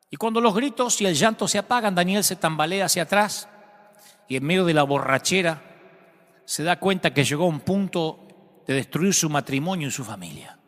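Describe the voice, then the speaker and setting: A man preaching a sermon, telling a story dramatically and rising loudly at its peaks. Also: high-pitched. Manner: dramatic, swells loudly when quoting the son. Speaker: pastor. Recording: long hall reverb.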